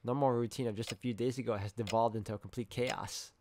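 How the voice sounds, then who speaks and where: A man's voice: mid-range voice, fairly even intonation, quick pace, a little mellow, slight background noise. A man reading first-person story narration aloud from a visual novel. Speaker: reader of a visual novel playthrough.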